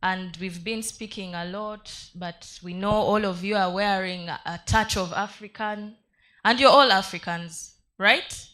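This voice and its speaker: A woman with a Ugandan accent hosts a live event in a bright, forceful voice at a medium pitch. She addresses the audience informally and playfully coaxes people to speak. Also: fairly even intonation, measured pace. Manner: playful, coaxing. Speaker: event host.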